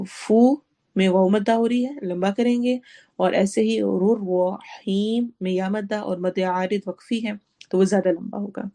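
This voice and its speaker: Woman, Quran teacher, tajweed lesson, mellow tone, slow drawn-out recitation, explains each sound, mixes in English words. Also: medium pitch.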